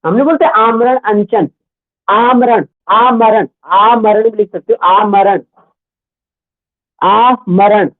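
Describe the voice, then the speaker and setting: Man teaching a grammar class, very high voice, slow repetitive dictation, tinny phone-like sound. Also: fairly even intonation. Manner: slow dictation, repeating each word. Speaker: Hindi teacher.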